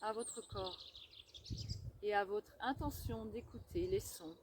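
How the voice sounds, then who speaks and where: A woman leading a guided listening meditation outdoors, giving gentle, unhurried instructions with pauses. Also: medium pitch. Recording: outdoor recording with clear birdsong noise. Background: birdsong, chirping, environmental noise.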